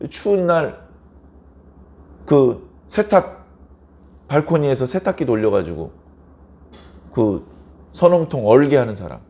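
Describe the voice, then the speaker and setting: A male pastor delivering an early-morning sermon in a warm, mellow voice whose pitch swings widely. He keeps it conversational and throws rhetorical questions at the pews. He slips into short, lively acted-out quarrels to make his point. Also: slow, pauses often.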